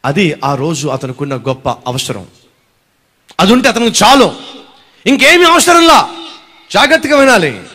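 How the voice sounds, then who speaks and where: A male pastor preaching a sermon, animated and firing questions at his congregation. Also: high-pitched, measured pace, long pauses, breathy edge.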